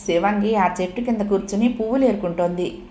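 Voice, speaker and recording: Woman, storyteller, steady narration, mid pitch, echoey room. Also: quick pace, slight background noise. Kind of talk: reading a serial story aloud.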